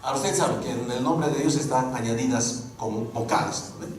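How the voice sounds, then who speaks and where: A man teaching a Bible course, lecturing a class with lively rhetorical questions. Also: mid-range voice, fairly quick. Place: school classroom. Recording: very echoey room, mic far off, faint noise.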